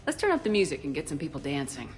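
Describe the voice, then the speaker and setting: A woman's voice: sits low, very animated, racing, faint music behind. A woman playing a confident military commander in a video game, bantering in a friendly, casual, teasing way. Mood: playful.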